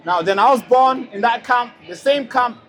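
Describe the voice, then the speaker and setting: A man's voice: very high-pitched, moderate pace, fairly bright tone. A young man born in a refugee camp in Tanzania, giving a speech outdoors at a street rally and telling a story emphatically. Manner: emphatic storytelling with many repeated lead-ins. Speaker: speaker at a rally.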